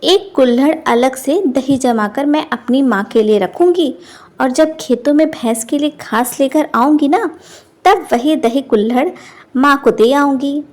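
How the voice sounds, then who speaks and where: A woman's voice: sits high, a little slow, a little mellow. A woman voicing a stubborn, quarrelsome old village wife who scolds defiantly.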